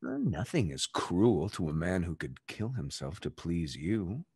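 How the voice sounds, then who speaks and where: Dorimant, a man as a husky, low-voiced rake. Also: very animated, unhurried, a little mellow, heavily acted. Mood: teasing, smooth. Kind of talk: theatrical reading of Restoration comedy.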